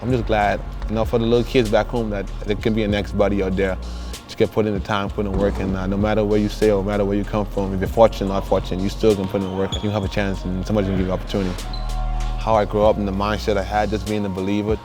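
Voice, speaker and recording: A young man speaks quickly in an earnest, reflective way. His voice sits low and stays mostly flat. A clear music bed runs beneath his documentary interview. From Bahamas. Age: young adult. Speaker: basketball draft prospect.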